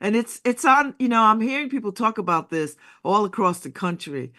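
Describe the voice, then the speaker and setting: In a relaxed interview, a female talk show host talks conversationally and tends to repeat her sentence openings as she gropes forward. Her mid-range voice is expressive, bright, and forceful, at a normal speed.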